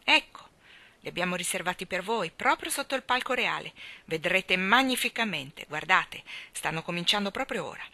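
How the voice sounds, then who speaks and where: A woman voicing a gentle male star figure who guides children, eager and sweet in tone. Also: lowish voice, animated, normal speed, dry recording. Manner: eager, hushed, with a curious sweetness.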